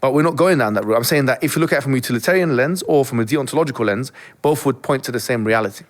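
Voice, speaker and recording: A man's voice: mid-range voice, very fast. A man speaking as an interview guest, arguing his points in an assertive, didactic way. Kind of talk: argumentative explanation in conversation.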